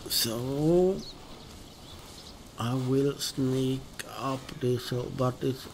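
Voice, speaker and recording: Man, Swedish accent, slow hesitant gameplay commentary, mid-pitched voice. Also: a little mellow, a little hiss or hum. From northern Sweden. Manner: hesitant and musing, many pauses and restarts. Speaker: gaming video host. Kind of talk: relaxed let's-play commentary.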